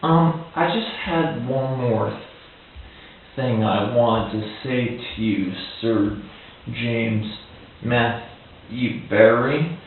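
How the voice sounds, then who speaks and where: A man playing a gentle children's show host who interviews a guest in a hesitant, stammering, halting way. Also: medium pitch, recorded from a distance. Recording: tinny, echoey, from afar, faint hiss.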